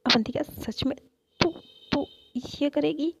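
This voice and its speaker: A woman's voice: high voice, slow, creaky, pitched above the performer's own voice, heavily acted, poor audio. A woman doing a scolding old grandmother. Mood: curious. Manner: scolding, questioning. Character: stern but loving old grandmother.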